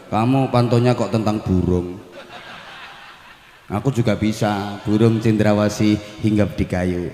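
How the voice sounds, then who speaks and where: A man's voice: lowish voice, fairly even intonation, a little slow, warm tone. A man hosting a religious gathering as a preacher, chatting and teasing the audience in a playful way. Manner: teasing, chatty, mixing in Javanese words. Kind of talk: joking pulpit banter. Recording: echoey hall, from a distance.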